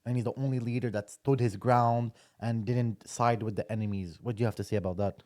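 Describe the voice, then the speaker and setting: A young man co-hosting a podcast, relaxed as he raises questions and talks loosely with lots of "like". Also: mid-range voice, brisk. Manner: relaxed, poses questions, fills with "like". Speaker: podcast co-host. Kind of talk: casual podcast discussion.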